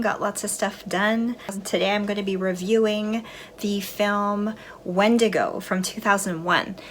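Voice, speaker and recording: A woman's voice: mid-range voice, a little hiss or hum. A middle-aged woman hosting a movie review vlog, chatting casually and snacking while she recaps a film. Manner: chatty and relaxed, eating snacks while talking.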